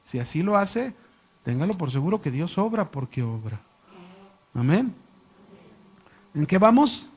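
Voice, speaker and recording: A man teaching a Bible class, chatty and animated. He keeps quizzing his listeners with rhetorical questions and joking with them. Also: sits high, a little slow, long pauses, husky. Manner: animated storyteller, jokes with listeners. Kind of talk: conversational Bible lesson to a class. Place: church classroom with a live audience.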